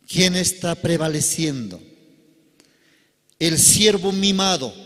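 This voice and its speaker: Slow, animated preacher in a hall. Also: male voice, mid-range voice. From Bolivia. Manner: dramatic storytelling, with sudden loud outbursts and quiet drops. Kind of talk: sermon with a told parable. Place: church service.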